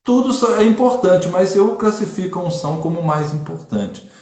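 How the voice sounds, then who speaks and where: A man's voice: high voice, expressive, normal speed, dark tone. Man with emphatic earnest delivery, echoey room. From Brazil. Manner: earnest, emphatic, repeats for stress. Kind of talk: casual online chat on preaching.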